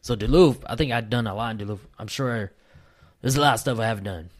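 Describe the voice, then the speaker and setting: A man's voice: medium pitch, quick pace. A man, chatting casually and rambling with lots of fillers and restarts. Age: late 20s. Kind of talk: casual chat.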